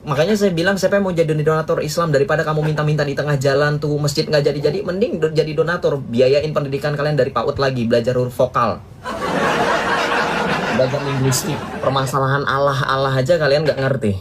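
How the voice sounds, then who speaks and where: A man's voice: mid-range voice, a little hiss or hum. A man giving a polemical religious monologue to viewers, mocking and combative, chuckling at his own jabs and firing rhetorical questions at listeners. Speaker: religious teacher.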